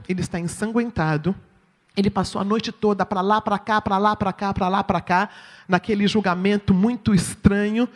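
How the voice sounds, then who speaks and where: A woman with a Brazilian Portuguese accent giving a sermon-style teaching talk at church, often checking in with her listeners. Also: medium pitch. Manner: expressive, asks the audience "right?". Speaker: church speaker. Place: church hall. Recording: long reverb in a hall.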